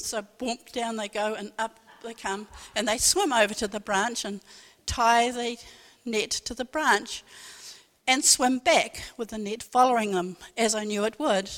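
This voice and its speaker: Lady with a high voice telling a funny story, acts out the bits, kinda echoey hall. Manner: lively storyteller who acts out dialogue. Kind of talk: humorous personal anecdote in a talk on temperaments.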